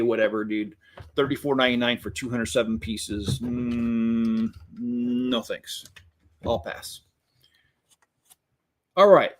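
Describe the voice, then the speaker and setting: A man hosting a Lego vlog, chatting casually and a little sarcastically while he builds and weighs up new sets. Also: medium pitch. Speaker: Lego channel host.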